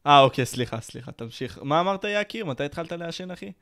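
A man in casual podcast chat who teases the others and jumps in with quick remarks. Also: fairly high pitch, animated, a bit bright.

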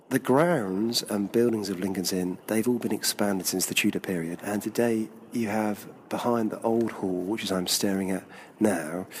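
Low-voiced man narrating a city walk. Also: a little hiss or hum. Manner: chatty, enthusiastic commentary while walking. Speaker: walking tour guide. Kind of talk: on-location podcast narration. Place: outdoors walking through city streets and courtyards. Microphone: handheld recorder on location.

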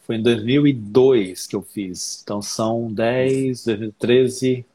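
A man with a slightly husky, breathy voice talks in a relaxed interview. He tells animated stories and acts out the things he used to think. His pitch sits in a middle range. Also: slow pace. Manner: animated storyteller, acts out his own past thoughts. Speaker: English teacher, interview guest. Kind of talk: casual interview chat.

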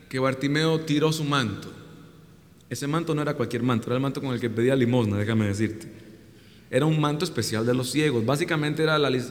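A man preaching a humorous sermon, retelling a story with playful acted-out voices. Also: mid-range voice. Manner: animated, jokey, acts out voices in the story. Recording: long hall reverb.

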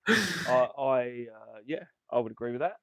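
A man's voice: mid-range voice, lively intonation, normal speed, fairly bright tone. A man co-hosting a podcast in casual chat, laid-back and agreeable, a little out of breath. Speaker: podcast co-host.

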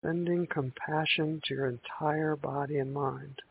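A man guiding a breathing meditation in a calm, gentle, meditative tone, on a thin band-limited recording. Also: on the high side, measured pace, vocal fry, slightly rough. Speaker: meditation guide. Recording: tinny band-limited audio with hiss.

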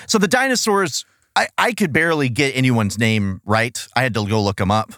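A man's voice: medium pitch, normal speed, a bit bright, dry recording, clean studio sound. A man co-hosting a podcast, reviewing in an exasperated, profane, casual and comic way. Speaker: podcast co-host.

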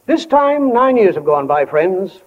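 In a 1940s radio play, a male actor voices a folksy small-town storyteller, narrating in a homespun, reflective, unhurried way and addressing listeners as friends. His voice is high and sing-song, heard through a tinny old 1940 broadcast.

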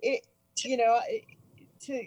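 Halting, hesitant woman thinking aloud. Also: a little high, expressive, darkish tone, no echo. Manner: hesitant, halting, many fillers. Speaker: panel guest. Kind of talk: casual discussion.

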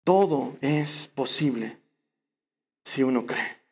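Preacher voicing calm Jesus, low quiet voice, unhurried, gentle questions. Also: male voice, husky, full character voice.

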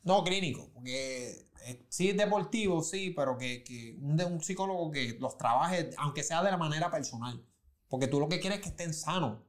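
A man's voice: a little high, lively intonation, normal speed. Man, slangy studio chat. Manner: slangy, loose storytelling with frequent restarts. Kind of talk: casual chat. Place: recording studio.

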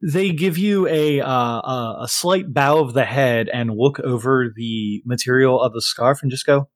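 Man, game master, mid-pitched, halting improvised narration, close dry recording. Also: dry recording. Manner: halting, searching for words.

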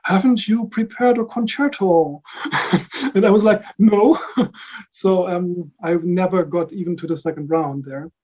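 A man's voice: sits high, unhurried, warm tone, dull audio. A man who grew up in the Netherlands, answering interview questions about his work in a casual, thoughtful way with frequent fillers and restarts. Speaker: recording engineer guest.

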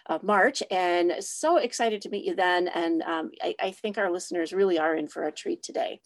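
A woman's voice: lowish voice, normal speed. A woman hosting a podcast in a conversational style. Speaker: podcast host.

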